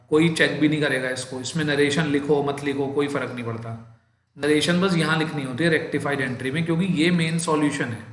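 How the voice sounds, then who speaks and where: A man with an Indian accent teaching an accountancy lecture. He explains each step patiently, calls his students "beta", and slows down to dictate the entries. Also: a little high, reverberant. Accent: Indian English mixed with Hindi. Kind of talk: classroom lecture.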